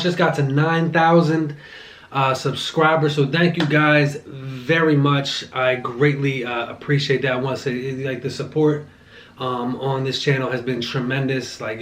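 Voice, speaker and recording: An easygoing channel host with a mid-range voice rambles through a casual mukbang, reviewing movies while he eats. He sounds relaxed, restarting often and dropping plenty of "like" fillers.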